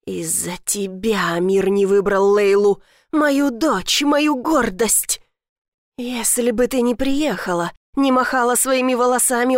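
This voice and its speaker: A woman voicing a furious, scornful middle-aged stepmother in an audiobook, shouting accusations. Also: a little high, no echo, studio quality, close to an everyday voice.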